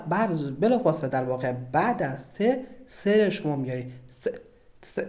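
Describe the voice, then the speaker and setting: A man's voice: on the high side, dark tone. A man teaching a beginner German lesson, explaining patiently step by step and repeating each sound. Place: at a board, writing.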